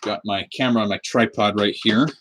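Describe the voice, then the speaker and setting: A man's voice: lowish voice, steady tone, fairly quick, noisy background. A man in his twenties from the US Pacific Northwest, chatting casually on a livestream while crafting a cosplay prop, rambling and easygoing, picked up by a webcam mic at his desk. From United States (Pacific Northwest). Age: 20s. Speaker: cosplay prop maker streaming live. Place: indoors at a desk at home under a lamp.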